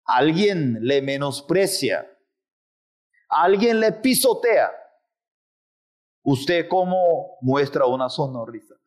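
Slow, animated male preacher. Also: on the high side. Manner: dramatic, acts out quoted voices. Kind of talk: sermon.

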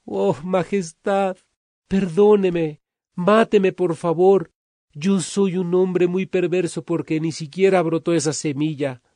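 A man's voice: sits high, fairly even intonation, slow, dark tone, dry recording, studio quality, voice pushed up. A man voicing a poor young man who weeps and begs the king to forgive and punish him. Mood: pleading. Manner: pleading, distraught.

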